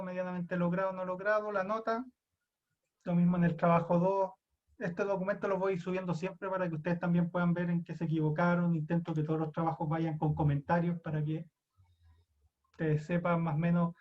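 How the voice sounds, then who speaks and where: Speaking into his computer mic on a video call, a young man with a Chilean Spanish accent lectures a university class online. He's casual and pokes fun at himself, restarting as he thinks aloud, and his high voice comes through lo-fi.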